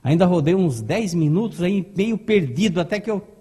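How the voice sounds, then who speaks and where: Husky-voiced man telling a dramatic story. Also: high voice, lively intonation, moderate pace, mellow. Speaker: speaker at a spiritist lecture. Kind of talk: storytelling lecture. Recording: long hall reverb.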